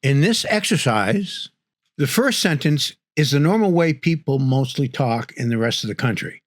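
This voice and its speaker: A man from northern New England narrating a scripted guide to local culture, measured and explanatory, with playful asides. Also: medium pitch, lively intonation, no room sound, studio quality.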